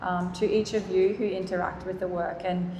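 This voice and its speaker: An Australian woman moderating a public panel conversation in a gallery, speaking in an earnest, measured and formal way. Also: on the low side, steady tone, mellow. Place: gallery event space. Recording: roomy hall reverb, faint noise.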